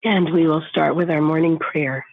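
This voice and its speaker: A woman with a thin, squeaky, hoarse voice, hosting and opening a roundtable discussion. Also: steady tone, moderate pace, background noise. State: hoarse, croaky. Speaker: discussion host. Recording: thin phone-line sound.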